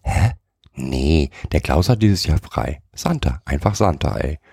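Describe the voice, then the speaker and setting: A man doing a croaky, slangy little gnome. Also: a bass voice, big pitch swings, a little slow, a little mellow, no room sound, clean studio sound, exaggerated voice. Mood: grumpy, cheeky. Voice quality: croaky, says "ey" constantly. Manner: brash, rude street slang. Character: cheeky little fat male gnome, slangy.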